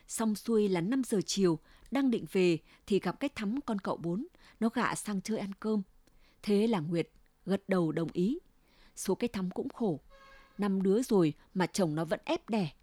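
A woman reading a first-person family story aloud in a steady, confiding way. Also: mid-range voice, dry recording. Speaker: narrator.

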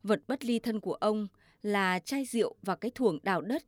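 A woman narrating a story in a measured, steady reading. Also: mid-range voice, no echo.

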